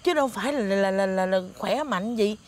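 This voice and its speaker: A woman's voice: mid-range voice, a little fast, natural voice. An actress playing a worried, insistent woman with a Southern Vietnamese accent in a comedy sketch, caring and stubborn. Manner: insistent, pleading.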